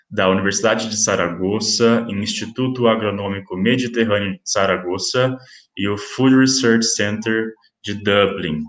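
A man presenting at an online academic event, reading out award certificates in a formal, steady listing manner. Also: on the low side, reverberant. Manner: steady listing of titles and names.

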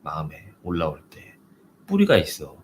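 A man with a very low voice gives a sermon as a Zen meditation teacher. He talks to the listeners in a conversational way, asking rhetorical questions and checking in with short prompts. A faint noise sits under the recording. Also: wildly swooping pitch, normal speed.

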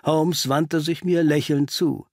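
A man reading an audiobook aloud as a first-person narrator, telling the story in a measured way. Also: a little high, steady tone, no echo, studio quality.

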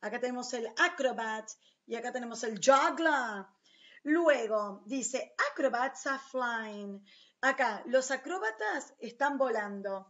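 A woman teaching English to children, slowly and patiently repeating and translating each word. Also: on the high side, animated, fairly bright tone, highs cut off. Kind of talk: recorded online class for children.

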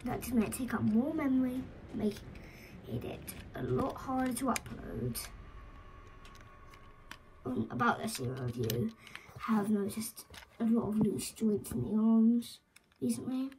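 A high, voice in a casual, unscripted toy review, rambling and halting with self-corrections. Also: background noise. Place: indoors, small tabletop green-screen setup. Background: music, occasional scratching from headphones.

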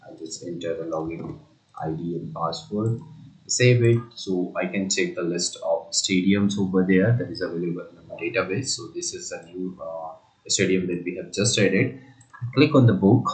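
A man's voice: low-pitched, moderate pace, roomy sound, low-quality recording. A man narrating a screen-recorded coding walkthrough, explaining steps with frequent fillers and restarts. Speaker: software tutorial presenter.

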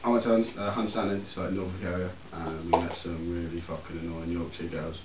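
A man's voice: deep voice, little pitch movement, brisk. A young man from England, one of the vloggers, telling crude, laughing stories in casual chat with friends. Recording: echoey room, far from the mic, faint hiss.

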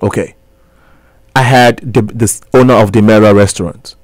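In a small college radio studio, a guest from Ghana, a man in his thirties, argues his points earnestly, frequently starting over mid-sentence. His voice is fairly low with fairly even intonation and a moderate pace, and the recording is clean with no room sound. He is noted as both guest and talk show host.

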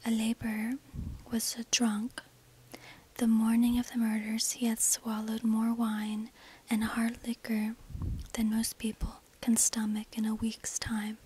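A woman narrating a script in a breathy, unvoiced ASMR whisper, measured and deliberate, close on a binaural microphone. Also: a little high, completely flat delivery, dark tone, a little hiss or hum, rough recording. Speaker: narrator of an ASMR history video.

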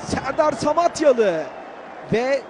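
A man giving excitable, declamatory live commentary on a football match. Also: very high-pitched, slow. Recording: loud stadium crowd noise behind. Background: cheering football stadium crowd.

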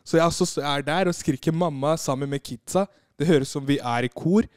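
A podcast guest with a fairly high, smooth voice tells a story in casual conversation, animatedly acting out the moments, screams and quotes included. The recording is dry and of studio quality.

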